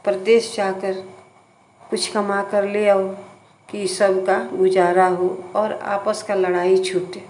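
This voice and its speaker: A woman's voice: medium pitch, flat delivery, slow, a little mellow, lightly acted. A woman voicing a weary old widowed mother-in-law who patiently pleads with her quarrelling daughters-in-law, in a roomy echoing recording. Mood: pleading. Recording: roomy echo, faint background noise.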